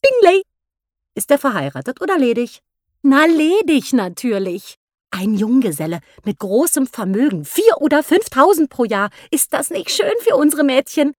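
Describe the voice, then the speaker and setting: An excitable, gossipy middle-aged mother from an audiobook, put on by a woman narrator, her voice pitched high and swinging widely. She talks in a shrill, eager rush of exclamations. The recording is dry and close. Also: moderate pace, no echo. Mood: gushing.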